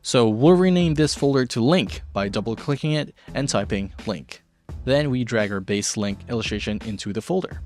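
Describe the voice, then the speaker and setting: A man with a mid-range, darkish voice hosts a narrated art tutorial show, talking at normal speed with lively intonation. He's chatty, informal, and self-deprecating, with music playing beneath his voice.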